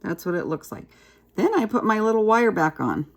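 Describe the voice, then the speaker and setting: Gravelly-voiced woman teaching a craft. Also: mid-range voice, normal speed. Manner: chatty, relaxed, talks while working with her hands. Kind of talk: casual craft tutorial.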